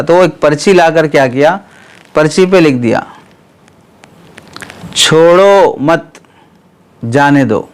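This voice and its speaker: A man teaching Arabic grammar, explaining step by step, asking students questions and often clearing his throat. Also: on the high side. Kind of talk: classroom lecture.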